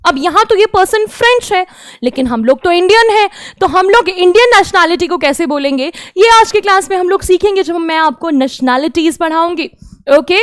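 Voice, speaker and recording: A young woman teaching a French lesson to children, explaining in Hindi and reading example phrases slowly and clearly. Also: very high-pitched, animated, dry recording, studio quality. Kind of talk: online class lecture.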